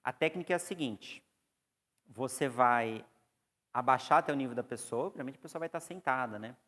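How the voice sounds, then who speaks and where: A man's voice: medium pitch, fairly quick, fairly bright tone. A man with a Brazilian Portuguese accent giving a classroom lecture on psychoanalysis, explaining and putting questions to the class. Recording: long hall reverb.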